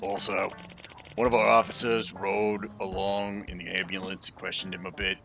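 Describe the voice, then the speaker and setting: A man reads out a businesslike male police officer from a video game. The voice is forceful and gravelly, and the delivery is halting and matter-of-fact. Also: deep voice, flat delivery, soft background music, pitched below the performer's own voice.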